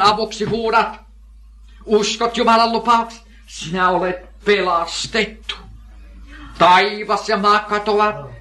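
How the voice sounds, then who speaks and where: A man's voice: high-pitched, sharp tone. An older man preaching a sermon, emphatic, asking questions and answering them himself, repeating key phrases.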